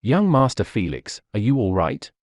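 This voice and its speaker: A man reading a stern, anxious bodyguard's lines from a storybook in a flat read. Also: fairly low pitch, normal speed, dry recording, clean studio sound.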